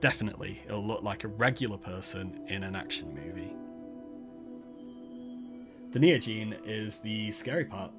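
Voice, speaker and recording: A man's voice: lowish voice, moderate pace, long pauses. A man with a Mancunian accent hosting a gaming stream, reading a text adventure aloud with chatty, self-mocking asides. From Manchester, England. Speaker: host, palaeontologist. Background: background music.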